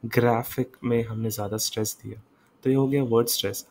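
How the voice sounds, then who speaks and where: A man's voice: on the low side, darkish tone, slight background noise, rough recording. A man giving an exam revision lecture, reading English points and explaining them in Hindi, correcting himself and repeating examples aloud. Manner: reads English slides slowly, explains quickly in Hindi. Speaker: online tutor.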